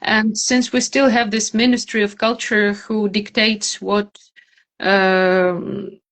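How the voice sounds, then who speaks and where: A woman's voice: mid-range voice, flat delivery, slow pace, a bit bright. A woman with a Ukrainian accent giving thoughtful interview answers, hesitating as she searches for words. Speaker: interview guest, theater maker.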